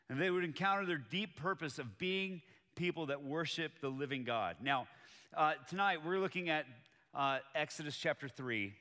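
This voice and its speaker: A man from Colombia, a native Spanish speaker, preaches to a church congregation in a chatty, personal tone. His voice is bright and forward. The sound carries a long hall reverb. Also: on the high side. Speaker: pastor. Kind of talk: sermon. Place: church auditorium with live audience.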